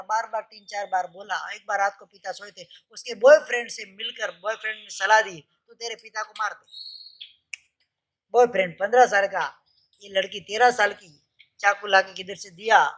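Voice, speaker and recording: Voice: mid-range voice, a bit bright, rough recording. A Jain monastic preacher in their fifties giving a sermon, using rhetorical questions, repeated lists and stories. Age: 50s.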